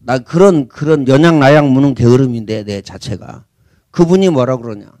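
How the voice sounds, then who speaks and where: A man's voice: medium pitch, normal speed, mellow, no echo. A man preaching a sermon as senior pastor, talking conversationally and asking rhetorical questions.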